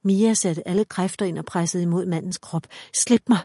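Woman with a dark, mellow voice reading a dark story. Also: fairly low pitch, fairly even intonation, no room sound, studio quality. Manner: measured, dramatic reading. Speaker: audiobook narrator. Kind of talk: scripted audiobook narration.

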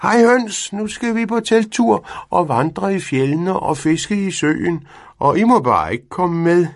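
A man's voice: high-pitched, creaky, pitched above the performer's own voice. Man putting on Findus, the cheeky cat. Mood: eager. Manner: excited, quick questions. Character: young male cat, eager and cheeky.

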